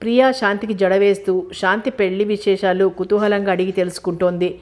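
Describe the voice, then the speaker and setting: Woman narrator for a novel audiobook, measured and mid-pitched. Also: steady tone, a little mellow.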